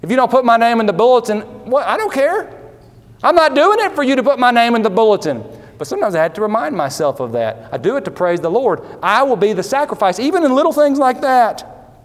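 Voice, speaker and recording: A man preaching a sermon, folksy and emphatic, full of rhetorical questions and repeated phrases. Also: high-pitched. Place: church sanctuary. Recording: long hall reverb.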